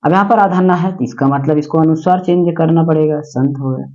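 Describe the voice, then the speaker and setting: A man teaching a grammar lesson with a dark, mellow voice. He repeats words and keeps asking the class questions. The sound is dull and lo-fi. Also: a little high, fairly quick.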